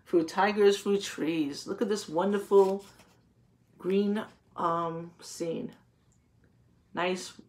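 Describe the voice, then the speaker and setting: Speaking in a mid-range voice, a woman shares a picture book with small children, reading it aloud with slow, deliberate phrasing. She explains the story the way a teacher would and asks them simple questions.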